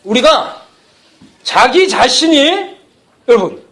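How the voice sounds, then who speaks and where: Playful high-voiced preacher. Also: male voice, big pitch swings, slow pace, pushed and bright. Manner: playful storytelling, laughs often. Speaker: pastor. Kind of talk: sermon.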